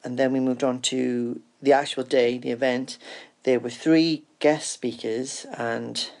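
A man gives an informal, first-person event report. His pitch is average and moves very little, staying flat and even. A noticeable creak runs through his voice. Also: unhurried. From Cardiff, UK. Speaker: roving reporter.

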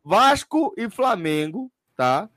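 A man's voice: high-pitched, sing-song, slow pace, fairly bright tone. A man hosting a casual betting podcast in slangy, sweary colloquial speech. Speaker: podcast host.

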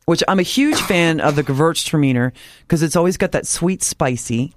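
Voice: medium pitch, moderate pace, a little hiss or hum. A radio morning show guest in casual chat, bubbly, playful and chatty.

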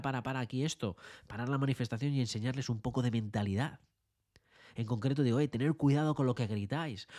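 Guy doing a motivational podcast, lively and chatty, mimics chants now and then. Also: medium pitch. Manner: animated, mimics protest chants. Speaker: podcast host. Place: his office.

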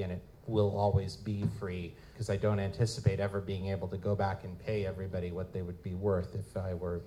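A man with a lowish, dark-toned voice chats casually as host at a live event, fielding audience questions in a convention room. He is a host, writer, and producer of audio drama, and the room's background noise is audible.

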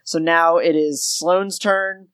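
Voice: mid-range voice, steady tone, takes it slowly, a bit bright, smooth, no echo. A game master narrating a tabletop game in an informal, descriptive way.

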